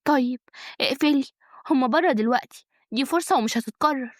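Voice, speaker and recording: A woman's voice: sits high, a little fast, dry recording, clean studio sound, lightly acted. A woman voicing a calculating best friend with an Egyptian accent, drawling her scheming advice. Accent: Egyptian Arabic.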